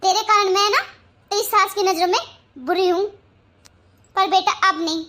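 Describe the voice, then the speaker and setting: A fretful, scolding older mother from a cartoon story. The voice sits very high and sounds bright and sharp. She lectures and worries in turn. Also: fairly even intonation, moderate pace. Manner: scolding then fretting.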